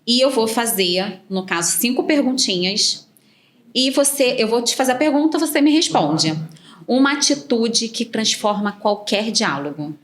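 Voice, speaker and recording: A woman's voice: on the high side, lively intonation, moderate pace. A woman hosting a podcast, making short backchannel remarks and asking friendly questions. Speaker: podcast host. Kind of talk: casual podcast interview.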